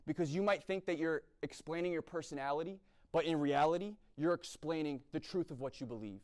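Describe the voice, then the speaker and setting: A young US East Coast man speaks briskly in a fairly high voice at a university chapel event. His talk is blunt and sermon-style, with frequent checks of "right?".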